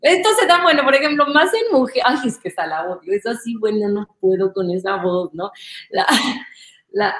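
A woman's voice: a little high, moderate pace. Mexican woman explaining things, in a roomy echo. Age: adult, a mother. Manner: animated, explanatory, often asks "¿no?". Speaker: guest, image consultant. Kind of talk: conversational interview.

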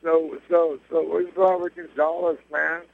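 Man, phone call breaking up, thin tinny line, slightly high voice, slangy banter. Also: flat delivery, measured pace, gravelly. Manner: loose, slangy banter, calls people dude. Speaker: caller phoning in to a live show. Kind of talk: casual phone chat. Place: on a moving bus. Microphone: cell phone.

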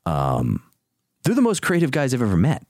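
A man's voice: mid-range voice, huge pitch swings, normal speed, a little mellow, no room sound, studio quality. A man in a casual podcast conversation, blunt and wisecracking, swearing freely.

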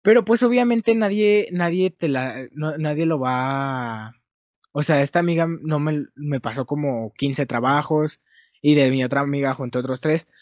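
A man's voice: fairly high pitch, moderate pace, a little mellow, dry recording. A young man with a Mexican accent telling a rambling, self-correcting story in casual chat with friends. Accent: Mexican Spanish. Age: young adult. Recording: dull dry lo-fi sound.

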